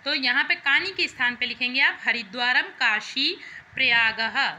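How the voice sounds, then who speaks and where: A woman's voice: high voice, moderate pace, bright, forceful tone, a little hiss or hum, rough recording. A woman teacher working patiently through Sanskrit exercises, often asking questions back to her students. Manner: patient, repeats and asks questions to the class. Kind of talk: explaining worksheet answers to students.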